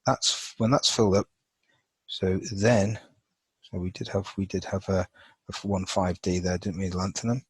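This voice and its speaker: A man with a lowish, slightly husky voice walks through a chemistry lesson, thinking aloud as he marks up a chart. He talks in a loose, unscripted way, full of fillers and restarts. The sound is dry and close. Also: little pitch movement, a little slow, no echo, low-quality recording. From England. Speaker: chemistry teacher. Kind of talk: informal lesson over a drawn screen.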